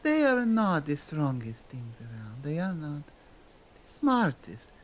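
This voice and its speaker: A woman with a Nordic accent playing a dominant, stern yet coaxing Krampus in a slow, deliberate ASMR roleplay. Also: low voice, very animated, a little hiss or hum, exaggerated voice. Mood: musing, superior. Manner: deliberate, commanding, halting non-native phrasing.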